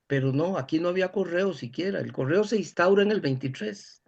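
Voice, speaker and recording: A man's voice: high-pitched, brisk, gravelly, lo-fi sound. A man with a Costa Rican accent in an informal discussion, explaining things emphatically. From Costa Rica.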